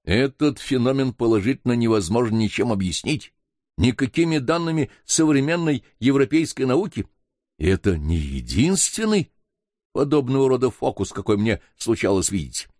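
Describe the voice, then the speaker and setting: A worldly middle-aged doctor, read by a male audiobook narrator, explaining in a slow, measured lecturing way. His pitch moves with lively emphasis, and the recording is dry. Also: no echo, natural voice. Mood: earnest.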